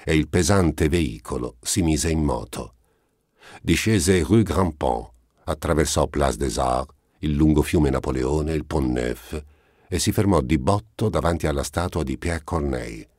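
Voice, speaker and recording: A man reading a classic novel aloud as an audiobook narrator, in a steady, measured way. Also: extremely low pitch, dry recording, studio quality.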